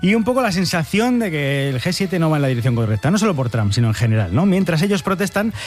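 A man's voice: a little high, big pitch swings, fast. A man from hosting a satirical news commentary, with ironic, sarcastic asides. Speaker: host.

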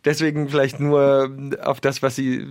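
A man in an earnest discussion, pausing often on fillers and acting out little quotes as he argues. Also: mid-range voice, little pitch movement, darkish tone, dry recording, studio quality. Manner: earnest, many filler pauses, acts out quotes. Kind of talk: conversational discussion.

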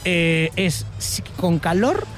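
A man's voice: sits high, lively intonation, soft background music. A man interviewing passers-by on a city street in a chatty, teasing way. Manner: chatty, teasing, quick asides. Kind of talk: playful street vox pop.

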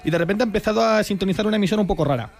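A man's voice: high-pitched, rapid-fire. A man presenting a radio segment in a studio, enthusiastic and jokey, often adding tag questions. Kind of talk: chatty radio talk segment. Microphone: studio microphone.

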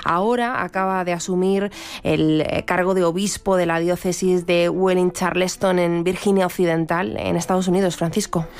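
A woman hosting a radio news interview, speaking in a clear, scripted way. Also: fairly low pitch, fairly even intonation, normal speed, a little mellow. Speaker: radio host.

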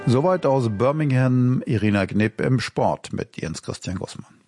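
A man presenting the sports news on radio with brisk, matter-of-fact links. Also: medium pitch, animated, music in the background.

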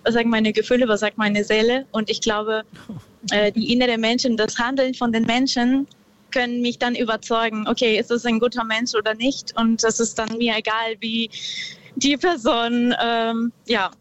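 A woman from Peru, calling in to a radio show from her car and speaking slowly and thoughtfully, with many pauses. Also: fairly high pitch, flat delivery, muffled recording. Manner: slow, thoughtful, hesitant. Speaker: caller. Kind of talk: radio call-in.

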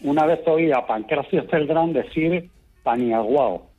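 A middle-aged man from Extremadura, raised in Madrid, calling in to a radio show, calm and unhurried as he tells his stories. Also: a little high, faint music behind. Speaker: caller. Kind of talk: phone-in chat. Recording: dull phone-line sound.

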